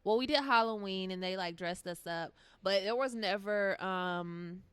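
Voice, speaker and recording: A woman's voice: medium pitch, unhurried, fairly bright tone, clear, resonant tone, dry recording. A woman guest, a singer, telling stories in a casual interview, chatty and full of fillers and acted-out quotes.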